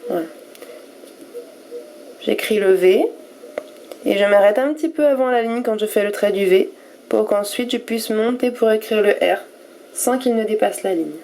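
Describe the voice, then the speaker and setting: A woman teacher giving a recorded reading lesson to young pupils, sounding out each letter and syllable slowly and with care. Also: mid-range voice, dark tone, slight background noise. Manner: slow and careful, spelling out letters and syllables one by one. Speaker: primary school teacher.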